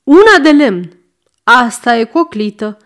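A woman's voice: a little high, lively intonation, natural voice. A woman voicing a sick old male miser, querulous and snapping commands. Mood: irritable.

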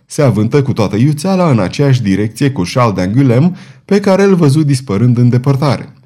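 A male audiobook narrator with a warm, mellow tone. He reads a novel in a measured, dramatic way at a middle pitch. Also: very animated. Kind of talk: scripted narration.

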